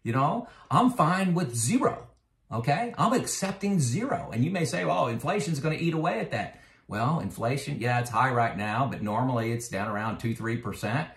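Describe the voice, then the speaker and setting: Animated and at normal speed, this man's mid-range voice carries a roomy sound. In his fifties, he vlogs about retirement finance, casually explaining his own money to camera with frequent fillers and growing emphasis when he makes a point.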